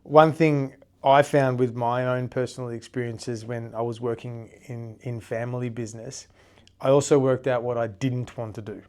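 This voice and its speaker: A man's voice: medium pitch, little pitch movement, moderate pace, a little mellow. A man, hosting a podcast in a chatty, laid-back way. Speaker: podcast host. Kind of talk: casual interview chat.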